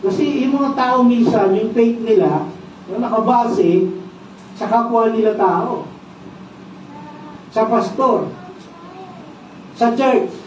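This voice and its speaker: A man's voice: extremely high pitch, slow, long pauses, slight background noise. A man with a Filipino accent preaching a sermon as pastor, asking his congregation questions and tagging his lines with "no?". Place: church worship service. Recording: echoey, distant and dull church sound.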